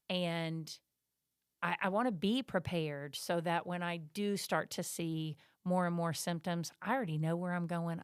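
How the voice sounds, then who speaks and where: Middle-aged woman podcast co-host, emphatic and chatty, smooth and a touch low, close dry mic. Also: dry recording. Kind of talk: casual podcast chat.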